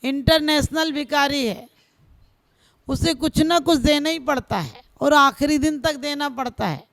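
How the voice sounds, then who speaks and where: A woman's voice: high voice, a little slow, gravelly, a bit bright, dry recording, studio quality. A woman, a Jain nun, preaching a devotional sermon with humorous folk stories and rhythmic, exhorting lists. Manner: humorous, folksy storytelling.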